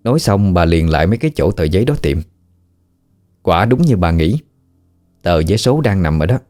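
Male southern vietnamese narrator for ghost stories, low mellow voice, soft music under. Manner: steady measured storytelling. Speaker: storyteller.

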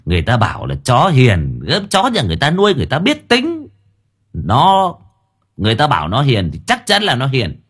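A man's voice: medium pitch, wildly swooping pitch, normal speed, a bit bright, husky, faint music behind, voice pushed up, heavily acted. A man voicing a trusting, bold young master who confidently urges his two sidekicks on. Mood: urging. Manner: confident, urging others along.

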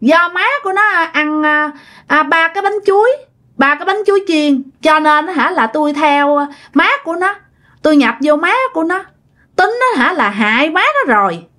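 A whiny young ghost girl speaks through a possessed grandmother, voiced by a woman telling the tale. Her voice is high and leaps around in pitch as she wheedles and complains. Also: expressive, normal speed, a bit bright. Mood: scheming.

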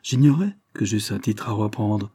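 A man reading the part of an older lord, mocking and secretive, speaking in a wry, measured way. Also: fairly low pitch, expressive, warm tone, husky, no room sound.

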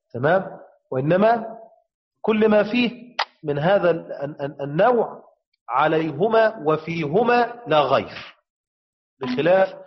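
A man teaching a lesson on the variant readings of the Quran, explaining step by step, asking and answering his own questions and chanting verse examples slowly. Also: a little high, highs cut off.

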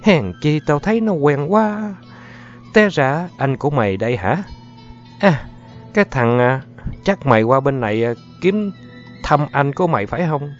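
Pitching his natural-sounding voice on the high side, above his own register, a man reads a storybook as a brash, streetwise older girl. His lively intonation carries her blunt, coarse barrage of quick questions over dull lo-fi audio with faint music.

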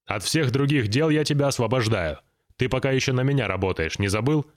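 A man voicing a gruff, irritable businessman boss who talks bluntly and coarsely in an audiobook reading. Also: medium pitch, animated, a little fast, natural voice. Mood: scolding.

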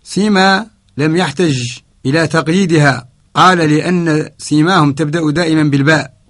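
A man teaching Quran spelling rules in a radio lesson, slow and deliberate, repeating each example word and reciting verses in a chanting cadence. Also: on the high side, steady tone, fairly bright tone. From Mauritania. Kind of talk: radio lesson, explaining a didactic poem. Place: radio studio.

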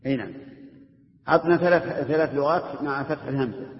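An older man from Saudi Arabia, teaching a classroom lesson and quizzing his students, spelling out word variants slowly. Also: medium pitch, slight background noise. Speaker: Islamic jurisprudence teacher. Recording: echoey lo-fi lecture hall recording.

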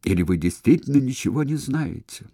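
A man's voice: mid-range voice, expressive, fairly quick, no echo, studio quality, voice pushed up. A man putting on a merry, mocking slave in a storybook. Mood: taunting. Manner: loud, merry, taunting. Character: cheeky jolly male slave, mocking and boastful.

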